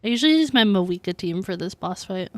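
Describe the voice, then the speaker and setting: A woman's voice: medium pitch, animated, a little fast, no echo. A young adult woman chatting casually and giggling while streaming a game. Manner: chatty, giggly, reacting aloud. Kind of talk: casual gameplay chat.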